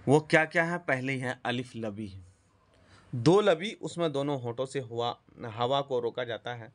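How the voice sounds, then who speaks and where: A man giving a spoken lesson on speech sounds, pausing often, correcting himself and dropping in English terms. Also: mid-range voice, a bit bright. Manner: halting, self-correcting, mixes English terms. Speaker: teacher. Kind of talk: spoken lecture on phonetics.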